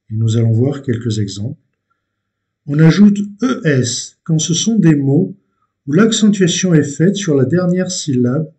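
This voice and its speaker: A man teaching a language lesson, explaining step by step in a deliberate way with frequent hesitations and repeated words. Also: a little high, warm tone.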